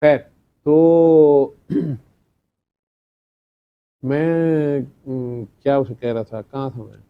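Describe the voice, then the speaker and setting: A man's voice: medium pitch, steady tone, very slow, long pauses, clear, resonant tone. A middle-aged man tells a chatty anecdote to a gathering, acting out the dialogue and laughing between lines. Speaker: speaker addressing a gathering. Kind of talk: storytelling talk. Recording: dull lo-fi sound.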